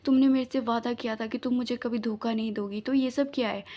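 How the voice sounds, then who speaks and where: A woman's voice: fairly high pitch, steady tone, brisk, close to an everyday voice. A woman voicing a tender, pleading young woman. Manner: soft, pleading.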